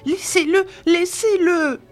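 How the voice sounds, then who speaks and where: Small frightened girl, timid, tearful, high pleading voice, a woman reading it, storybook. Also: wildly swooping pitch, unhurried, heavily acted. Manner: soft, timid, then pleading.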